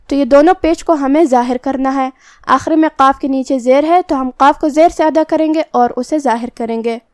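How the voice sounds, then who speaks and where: A woman's voice: sits high, no echo, studio quality. A woman teaching Quran recitation, carefully explaining how each letter is pronounced, step by step. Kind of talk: tajweed pronunciation lesson.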